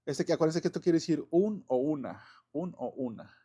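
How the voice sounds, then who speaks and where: A man's voice: fairly high pitch, lively intonation, fairly quick, dark tone, husky. A man explaining English grammar in a loose, chatty way, with many fillers, self-corrections and small chuckles. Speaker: English teacher. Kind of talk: casual classroom explanation.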